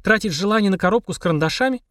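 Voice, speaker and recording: A man voicing a bossy, sharp-tongued schoolgirl who speaks dismissively. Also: sits high, expressive, rapid-fire, no room sound, studio quality, voice pushed up. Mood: indignant.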